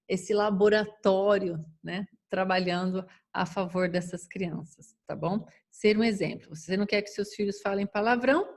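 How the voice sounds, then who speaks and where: A woman's voice: medium pitch, darkish tone. Woman, parenting educator, chatty advice talk, slips into quoted voices. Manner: acts out parents and children in quoted lines. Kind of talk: informal talk on child-rearing.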